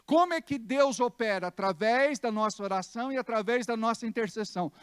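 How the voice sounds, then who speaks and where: A man's voice: very high voice, brisk, clear, resonant tone, no echo, studio quality. A Brazilian man preaching as pastor in a church, emphatic and acting out stories. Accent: Brazilian Portuguese. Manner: emphatic preaching with dramatized anecdotes. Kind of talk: sermon.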